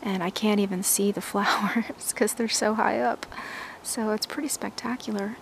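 A woman giving a casual walking tour of her backyard garden, relaxed and admiring, thinking aloud with some fillers. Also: mid-range voice, normal speed, gravelly, a little hiss or hum.

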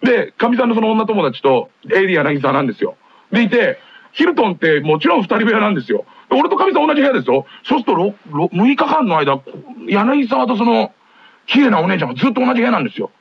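A man's voice: high voice, sing-song, fast, husky. A man hosting a late-night radio show, telling rambling comic stories with frequent laughs, taped off the air in lo-fi. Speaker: radio host. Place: radio studio.

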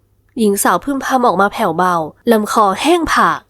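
A woman narrating a romance novel in smooth, scripted storytelling. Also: medium pitch, animated, a little fast, fairly bright tone, dry recording, clean studio sound. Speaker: audiobook narrator.

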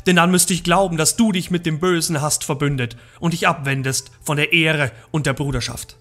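Man doing a proud boastful wizard hero, grand old-fashioned declaiming, gravelly, storybook reading. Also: a little high, fairly even intonation, fairly quick, fairly bright tone.

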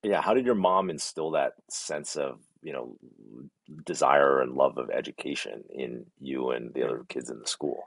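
Podcast host on a video call: very low husky male voice, dry and close, laid-back interviewer. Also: moderate pace, dry recording. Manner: relaxed, filler-heavy questions. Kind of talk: casual interview chat.

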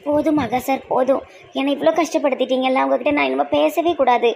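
A woman with a high, gravelly voice scolds a friend with hurt, tearful reproach, as a doctor in a comedy skit. A faint outdoor hum sits under her voice. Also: steady tone, fast, darkish tone.

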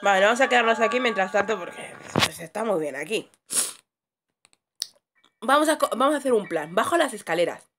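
A woman's voice: medium pitch, animated, brisk, pauses often, a bit bright, faint music behind. A woman casually commentating a horror game, swearing a lot, muttering under her breath and screaming when startled. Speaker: gamer streamer.

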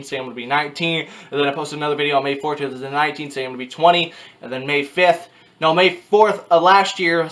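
With a fairly high, fairly bright voice, a young vlogger in his early twenties rambles on camera in his small bedroom. This casual talking-head video is marked by frequent restarts and the same filler phrases again and again.

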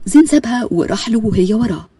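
An Egyptian woman narrating a story at a rapid clip. Her voice is mellow and very husky, recorded close and dry. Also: a little high, animated, no echo.

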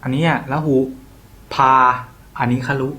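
A man's voice: unhurried, fairly bright tone. A young man tutoring for an exam in a casual, slangy way, talking to students like an older brother. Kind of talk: casual exam-prep lesson.

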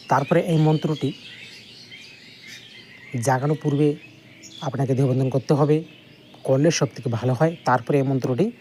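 A man with a Bengali accent teaching a mantra ritual in a slow, repetitive, step-by-step way, at times reciting the verse in a slow chant. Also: mid-range voice, warm tone, a little hiss or hum.

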